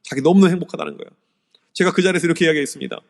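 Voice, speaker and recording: Male pastor, fairly high voice, lively storyteller, church hall reverb, seminar talk to teachers. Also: racing. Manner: animated storytelling, swings from loud to hushed. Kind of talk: sermon-style teacher seminar lecture. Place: church sanctuary.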